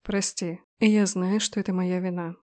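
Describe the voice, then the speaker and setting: A woman voicing a furious male general who speaks low and strained, as in a growl, in a storybook reading. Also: fairly even intonation, normal speed, darkish tone, natural voice. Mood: regretful.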